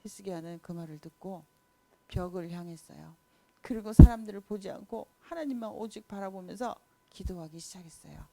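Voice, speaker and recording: A woman's voice: medium pitch, fairly quick, dark tone. A woman teaching a children's Sunday school class, telling a Bible story expressively and speaking directly to the children.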